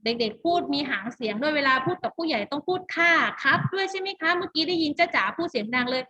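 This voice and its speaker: A woman teaching an online English class to kindergarten children over a video call, animated and full of praise in a sing-song tone. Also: high voice, fast. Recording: slightly dull video-call audio with faint noise.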